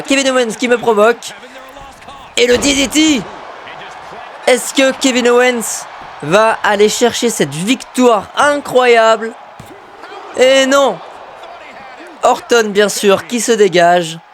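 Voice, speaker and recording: Male gamer, high voice, excitable play-by-play, shouts at big moves, mutters asides. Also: slight background noise. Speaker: gamer commentating his own wrestling video game match.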